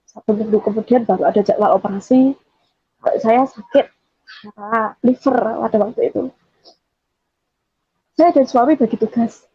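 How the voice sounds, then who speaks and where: Woman from Java, personal testimony, somewhat high husky voice, dull dry recording. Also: dark tone, no room sound. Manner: earnest storytelling, often quoting herself with "I said". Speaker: testimony giver.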